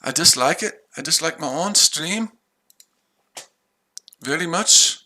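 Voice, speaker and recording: An American man livestreams while trading, chatting casually with his viewers as he rambles and repeats himself. His voice is on the high side and sharp, animated but slow-paced.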